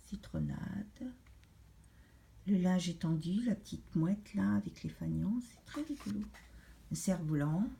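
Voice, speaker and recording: A middle-aged woman chatting casually as a craft vlogger, rambling and hesitant with many pauses while she leafs through a colouring book. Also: on the low side, gravelly, warm tone.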